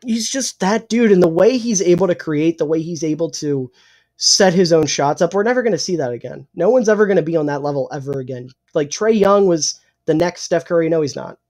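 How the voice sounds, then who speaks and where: A young man co-hosting a casual sports podcast, opinionated and swearing freely, a little hoarse and clearing his throat. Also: a little high, expressive, brisk, a little mellow. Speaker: podcast co-host.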